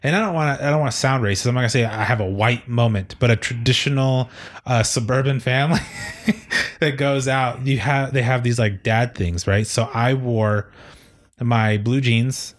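Rambling, laid-back podcast co-host. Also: male voice, medium pitch, fairly even intonation, normal speed. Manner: rambling, laughs often, swears casually. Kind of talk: casual chat.

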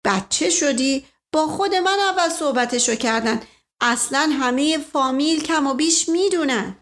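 A woman's voice: sits high, fairly bright tone, pitched above the performer's own voice. A woman voicing a naive, hesitant young housemaid who chatters in a gossipy way. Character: young simple-minded housemaid girl, hesitant.

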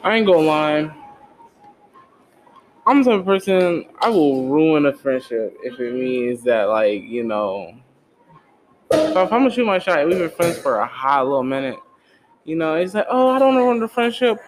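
Slangy young man, a bit high-voiced. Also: unhurried, pauses often, a little hiss or hum, poor audio. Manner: slangy, laid-back, says "bro" a lot. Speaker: podcast host. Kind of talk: casual chat.

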